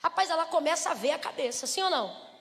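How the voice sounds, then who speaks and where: A Brazilian woman preaching a lively church sermon, asking the congregation rhetorical questions and acting out little scenes. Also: high-pitched, fast. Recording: reverberant church hall.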